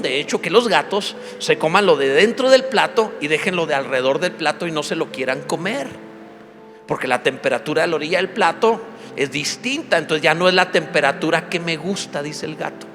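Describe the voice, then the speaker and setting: A pastor preaching in a high, bright voice, animated and humorous, rising into emphatic climaxes. His voice rings with a long church reverb, and music plays clearly underneath. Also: moderate pace. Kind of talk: sermon.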